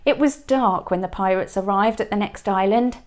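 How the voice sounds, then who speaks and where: A woman teacher reading a picture book aloud to young children, expressive and dropping to a whisper at tense moments. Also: medium pitch, normal speed, a little hiss or hum. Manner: expressive storybook reading, drops to a whisper for suspense.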